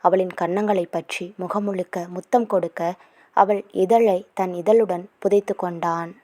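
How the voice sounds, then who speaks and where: A woman's voice: fairly low pitch, fairly even intonation, measured pace, warm tone. A woman narrating a romance novel as a story, reading all the characters' lines in her own voice with small shifts.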